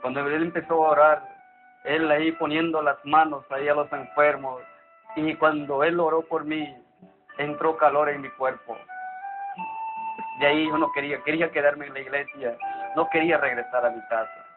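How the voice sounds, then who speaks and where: A man giving an earnest, halting personal testimony. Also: on the high side, steady tone. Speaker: church member giving testimony. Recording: tinny phone-like sound with music behind.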